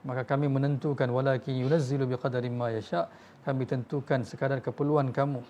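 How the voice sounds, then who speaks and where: A man's voice: mid-range voice, flat delivery, fast, mellow, muffled recording. A man with a Malaysian Malay accent preaching a sermon, telling stories with feeling and addressing his listeners directly. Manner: emotional storytelling, voices quoted figures, addresses audience as tuan-tuan.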